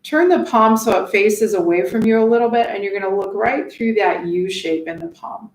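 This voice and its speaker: A woman teaching tai chi, giving serene, unhurried step-by-step movement cues with pauses between them. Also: medium pitch. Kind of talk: step-by-step movement instruction with short spoken cues. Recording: roomy echo, distant microphone.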